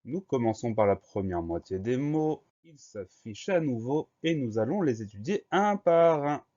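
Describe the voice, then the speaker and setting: A man's voice: medium pitch, expressive, normal speed, warm tone, muffled recording. A man teaching a spelling lesson to primary pupils, methodically spelling each word out letter by letter.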